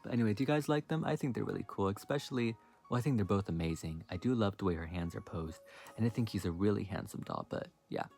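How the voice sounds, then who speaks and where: Casual vlogger, male, fairly low pitch, meandering and filler-heavy delivery. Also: quick pace, vocal fry, darkish tone, soft background music. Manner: rambling, filler-heavy talk, lots of "like" and "um". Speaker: doll reviewer. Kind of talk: casual unboxing vlog.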